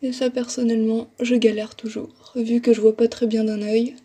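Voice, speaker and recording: A woman's voice: on the high side, little pitch movement, moderate pace, dark tone, husky. A young woman chatting casually through a makeup tutorial, talking as she works and making fun of herself. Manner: chatty, self-deprecating, talks while working. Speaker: makeup vlogger.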